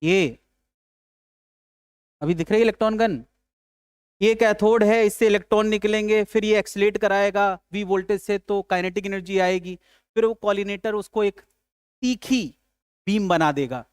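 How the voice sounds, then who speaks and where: A male physics teacher with a high-sitting voice and a clean tone lectures casually at moderate pace, leaving long pauses. The recording is clean studio sound with no echo. He chats, jokes, says "yaar" to students, and asks and answers his own questions.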